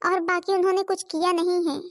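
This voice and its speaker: A woman's voice: extremely high pitch, level tone, a little fast. A woman voicing a hardworking, put-upon elder daughter-in-law in a cartoon, pleading and defensive. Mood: hurt.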